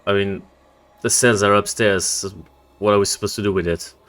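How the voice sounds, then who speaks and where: A grumbling dungeon guard, acted out by a man, bored and colloquial. The voice sits fairly low and sounds like an everyday complainer in a tabletop role-play. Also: steady tone, moderate pace, fairly bright tone, clean tone, natural voice. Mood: puzzled, annoyed.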